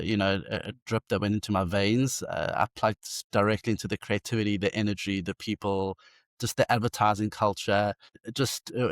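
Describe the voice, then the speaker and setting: An agency founder and CEO, a South African man in his forties, appears as a guest in a casual interview, telling stories quickly and enthusiastically with lots of restarts. His voice is fairly low, captured in a dry, studio-quality recording.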